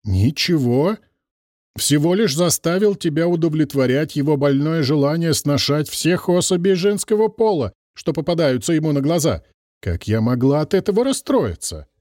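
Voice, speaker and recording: A woman's voice: sits low, lively intonation, moderate pace, warm tone, dry recording, studio quality, pitched above the performer's own voice. A male narrator voicing an indignant ancient elf ancestress who scolds shrilly and reproachfully. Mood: bitter sarcasm.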